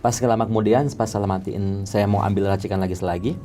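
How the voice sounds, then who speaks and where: A man's voice: on the low side, steady tone, fast talker, dark tone, soft background music. A man from Depok who does makeup, telling a story in an interview in casual slang and acting out sounds like tapping. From Depok, Indonesia. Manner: vivid, acts out sounds with "tek, tek" effects. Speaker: makeup artist guest.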